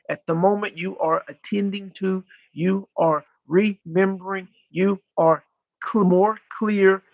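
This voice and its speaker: High-pitched creaky man channeling like a medium. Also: no room sound, lo-fi sound. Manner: deliberate, formal, emphatic phrasing with pauses and repetition. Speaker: channeler leading a live spiritual session. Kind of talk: channeled spiritual teaching, like a seance medium speaking as a guide.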